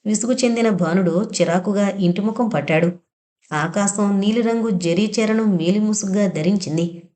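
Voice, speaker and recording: A woman narrating an audio novel in a steady, measured reading style. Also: mid-range voice. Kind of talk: scripted narration.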